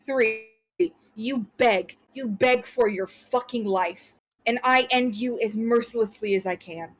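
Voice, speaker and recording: A woman playing a merciless male rider in a tabletop game, making deliberate, cold, sweary threats. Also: a little high. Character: merciless male horseman threatening a captive mage.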